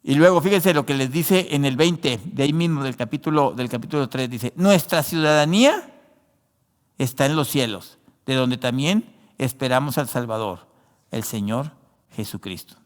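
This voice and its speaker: A man's voice: mid-range voice, normal speed. Man preaching in a reverberant hall. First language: not Spanish. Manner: preaching with many fillers and restarts, addressing "hermano". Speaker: pastor. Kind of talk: sermon.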